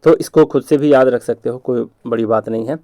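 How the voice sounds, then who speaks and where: Gravelly low-toned Hindi exam teacher. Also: male voice, a little fast, dark tone, no room sound, studio quality. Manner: asks the class questions and answers them himself; drops to low asides, then rises for emphasis. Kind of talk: exam-prep lecture with memory tricks.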